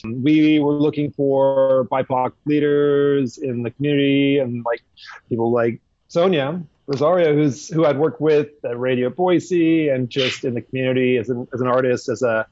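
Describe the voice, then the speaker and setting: A man's voice: medium pitch, normal speed, a little mellow, dry recording. Rambling man hosting on a dull video call. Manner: rambling, with many fillers and restarts. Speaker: host. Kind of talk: casual interview on a video call.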